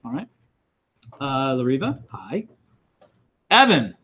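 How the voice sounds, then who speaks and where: A man's voice: mid-range voice, wildly swooping pitch, slow pace, fairly bright tone, slightly rough. A middle-aged man teaching a college class, talking casually with many fillers and restarts while he calls roll in a classroom. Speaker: college instructor. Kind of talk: classroom lecture, taking roll call.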